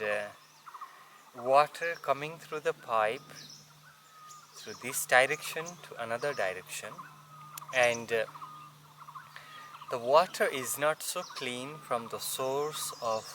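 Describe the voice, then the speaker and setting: A man who is a non-native English speaker gives an unscripted yoga lesson as a teacher, halting and searching for words. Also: medium pitch, bright, forceful tone, a little hiss or hum. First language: not English. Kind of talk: unscripted instructional explanation.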